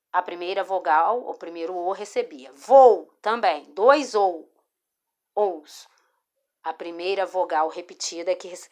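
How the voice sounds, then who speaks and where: A Brazilian woman teaching a spelling lesson, explaining patiently and checking in with her students as she goes. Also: medium pitch. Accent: Brazilian Portuguese. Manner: slow, patient, repeats words and checks in with "tá?". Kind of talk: explaining a spelling lesson over a screen recording. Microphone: phone or screen recorder mic.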